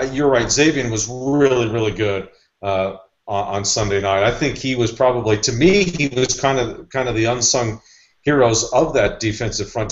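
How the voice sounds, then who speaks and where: Male co-host, casual sports chat, rambling measured takes, dull audio. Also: medium pitch. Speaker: podcast co-host.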